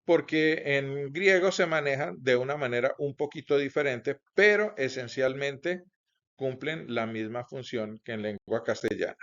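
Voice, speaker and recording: Slow, careful male teacher. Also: mid-range voice, fairly bright tone. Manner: slow, careful explaining with frequent "pues" and "entonces". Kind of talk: recorded grammar lesson. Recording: dull lo-fi recording.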